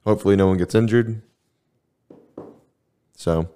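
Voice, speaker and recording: A man chats casually on his podcast, rambling through stories at an easy, laid-back pace. His voice sits very low and deep. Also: measured pace, dark tone, smooth. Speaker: podcast host. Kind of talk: casual chat.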